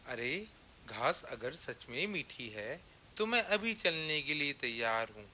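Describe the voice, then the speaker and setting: A man's voice: mid-range voice, big pitch swings, slow pace, pushed and bright, a little hiss or hum, full character voice. A man voicing a greedy, good-natured female goat who loves food in a children's story. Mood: cheerful. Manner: easygoing and food-loving.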